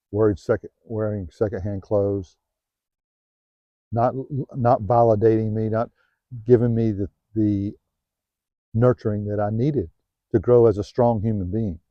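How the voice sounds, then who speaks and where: A middle-aged man with a Southern US accent gives heartfelt self-help advice, often restarting his phrases and growing quieter when he gets personal. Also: lowish voice, no echo, muffled recording. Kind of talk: earnest motivational talk to camera. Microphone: new home-video mic, dull sound.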